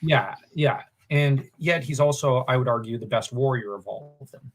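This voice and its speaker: A man's voice: mid-range voice, moderate pace. A man co-hosting a casual book discussion podcast, enthusiastic and opinionated, thinking aloud with fillers. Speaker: podcast co-host.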